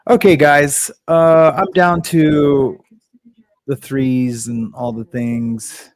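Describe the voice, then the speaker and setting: A man's voice: medium pitch, steady tone, very slow, dry recording. A man hosting a casual livestream, rambling and restarting, greeting viewers from the chat. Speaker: livestream host.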